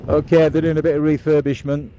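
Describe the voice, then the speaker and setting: A man's voice: fairly high pitch, flat delivery, quick pace, mellow, dull audio, a little hiss or hum. A man with an English accent giving chatty, matter-of-fact tour-guide commentary for a casual vlog, recorded outdoors while riding a scooter. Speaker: motovlogger. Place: outdoors, riding a scooter along a beach road.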